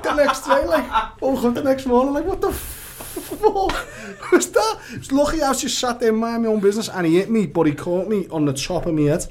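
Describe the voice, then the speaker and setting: A man's voice: very high-pitched, fast, few pauses. A man with a Liverpool accent telling a story in casual chat, swearing and laughing as he goes. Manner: animated, swearing, laughing through his story. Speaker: podcast co-host.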